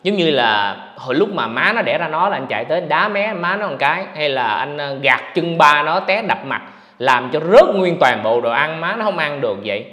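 A man hosting a casual livestream podcast, talking in an animated, ranting way to his viewers. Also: fairly high pitch, moderate pace. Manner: animated, ranting, mocks others in put-on voices. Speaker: podcast host. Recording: echoey room with long reverb.

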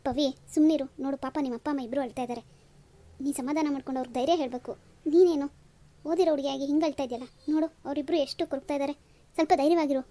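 A woman voicing a calm young groom in a cartoon, gently coaxing. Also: sits high, racing, close to an everyday voice.

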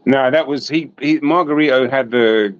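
A man's voice: mid-range voice, moderate pace, no echo. A man from England with an English accent, chatting casually as a guest on a video call, with many restarts and "bro". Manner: chatty, trailing restarts, says bro and mate. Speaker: guest boxing channel host. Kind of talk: casual chat. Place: small room indoors. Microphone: video call webcam. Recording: dull lo-fi call audio, dry.

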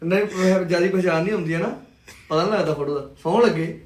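A man's voice: sits high, fast talker. A man in his twenties with an Indian Punjabi accent, chatting casually with friends and explaining insistently, repeating his points. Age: 20s. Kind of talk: casual chat among friends.

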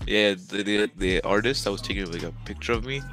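A man's voice comes through a voice changer that pitches it down deep and low. He talks over online voice chat in a cocky, taunting way, full of trash talk. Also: a little fast, fairly bright tone, soft background music. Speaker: account seller on voice chat.

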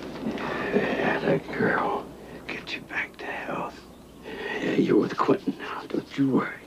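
An actor playing a gentle backwoods man who murmurs soothingly to a hurt cat in a gravelly whisper, heard from a worn VHS tape copy. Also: slow pace. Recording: dull worn tape dub.

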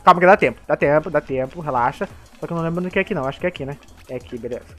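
A man with a Brazilian accent giving excitable gameplay commentary, laughing often and talking to the other players. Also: fairly high pitch, rapid-fire, soft background music. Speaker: gamer.

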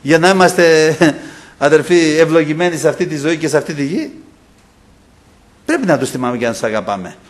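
Male pastor, fervent sermon delivery, slightly high voice, very lively pitch. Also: long pauses. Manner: impassioned preaching, acting out quoted voices, often addressing "brothers".

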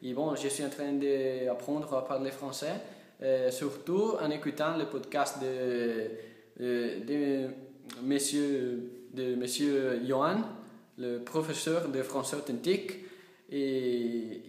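A young man, a native Italian speaker with an Italian accent, speaking halting broken French with learner's errors in a casual vlog to camera. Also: medium pitch, fairly even intonation, darkish tone. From Italy. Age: young adult. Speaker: language learner making a video. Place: small indoor office. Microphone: phone at arm's length. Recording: echoey room sound.

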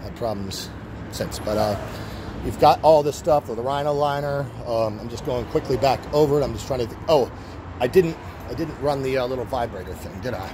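A man's voice: mid-range voice, a little fast. Rambling middle-aged man, noisy outdoors. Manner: rambling, with restarts and fillers. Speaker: seller showing a machine. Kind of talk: casual walkthrough.

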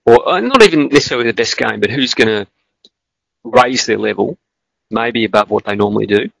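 A man's voice: on the low side, vocal fry, a bit bright, dry recording. A man co-hosting a casual Australian football podcast, hesitant and rambling with many restarts, on a dull, dry lo-fi recording. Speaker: podcast co-host.

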